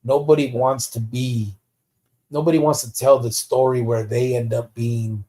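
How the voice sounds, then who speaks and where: An American podcast host reads comments during a casual live stream, talking bluntly and profanely while dropping Spanish slang into his English. He has a warm, mid-range voice, fairly even intonation and a moderate pace.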